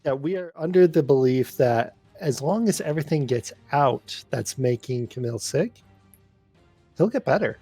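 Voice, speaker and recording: A man's voice: mid-range voice, expressive, moderate pace, warm tone, slightly rough, soft background music. A man playing in a tabletop game, talking hesitantly with many restarts and rambles. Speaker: player. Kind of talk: tabletop role-play chat.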